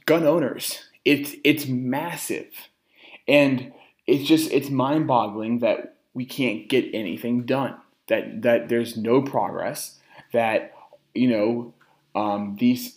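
A man co-hosting a podcast, giving casual political commentary with animated, stammering restarts. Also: mid-range voice. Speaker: podcast co-host.

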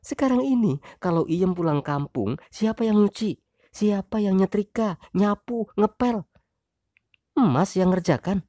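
A woman voicing a sharp-tongued young wife in an audio story, shrill and sarcastic as she argues with her husband. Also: expressive, unhurried, no echo, studio quality, close to an everyday voice. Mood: indignant. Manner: shrill, sarcastic, rising indignation.

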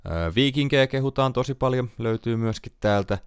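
A man's voice: mid-range voice, smooth, dry recording, clean studio sound. A man hosting a casual solo podcast, chatting about series he recommends, thinking aloud and correcting himself as he goes. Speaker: podcast host.

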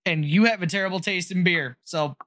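A man's voice: sits high, brisk, fairly bright tone. A young man co-hosting a podcast in casual chat, crude and profane, often breaking into laughter. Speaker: podcast co-host.

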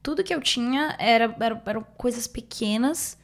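A woman's voice: on the high side, normal speed, gravelly. A young adult woman, telling her story informally in an interview and sprinkling in English medical terms. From Bahia, Brazil. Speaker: podcast guest, doctor.

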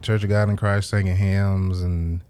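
A man's voice: sits low, flat delivery, normal speed, mellow, clean tone. A man hosting a podcast, talking in a laid-back, rambling way and laughing often. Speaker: podcast host. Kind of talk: casual conversation.

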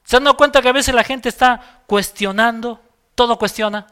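A man's voice: very high voice, normal speed, fairly bright tone, clear, resonant tone. A man preaching a sermon as pastor, emphatic and acting out little dialogues.

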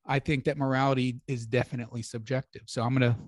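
A man hosting a casual podcast discussion, relaxed and joking, giving long explanations. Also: mid-range voice, fast, dry recording, clean studio sound. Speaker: podcast host.

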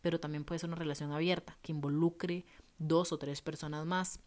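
A woman's voice: deep voice, steady tone, brisk, a little mellow. A young woman with a Costa Rican accent, hosting a casual solo podcast from home and talking in a chatty way with many fillers. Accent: Costa Rican Spanish. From Costa Rica. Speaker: podcast host.

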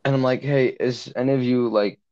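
A man's voice: medium pitch, fairly even intonation, fairly quick, a little mellow. A young man casually telling a long camp story, rambling with lots of "like" and acting out the quotes. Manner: rambling, heavy use of "like", acts out quotes. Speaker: podcast co-host. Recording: dull lo-fi sound.

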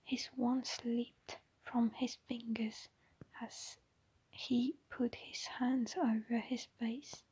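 A woman reading a story aloud in a soft, unvoiced whisper, slow and hushed, with the odd small restart. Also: a little high, flat delivery, slightly rough. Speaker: reader. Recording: dull lo-fi recording.

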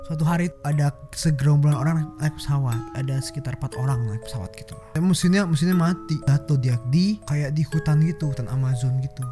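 A young man co-hosting a casual podcast, telling a long joke with animated energy and laughing at it himself. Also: on the high side, fast talker, few pauses, faint music behind. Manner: animated storyteller, laughs at his own jokes. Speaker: podcast co-host.

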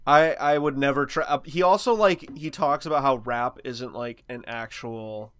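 Bright-voiced joking man podcaster. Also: medium pitch, normal speed, smooth, no echo. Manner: joking, deadpan hypotheticals, laughs a lot. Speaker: podcast co-host. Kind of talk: casual chat.

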